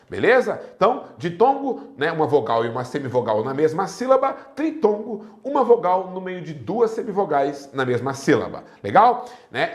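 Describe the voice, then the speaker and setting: Lively Brazilian man teaching a class. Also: a little high. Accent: Brazilian Portuguese. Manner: checks in often with the class; spells out examples syllable by syllable. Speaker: exam prep teacher. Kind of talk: recorded online lesson.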